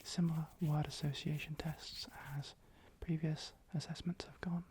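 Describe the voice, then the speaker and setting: Someone in a whispered role-play as a calm, attentive clinic assessor, giving instructions softly and breathily and gently repeating phrases. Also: mid-range voice, moderate pace, slight background noise. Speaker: ASMR performer.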